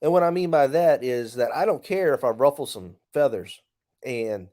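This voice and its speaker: A man's voice: medium pitch, lively intonation, normal speed, mellow. A man hosting a podcast, talking through his opinions in a casual, rambling way, full of fillers, restarts and some blunt swearing. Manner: blunt, mildly profane. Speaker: podcast host.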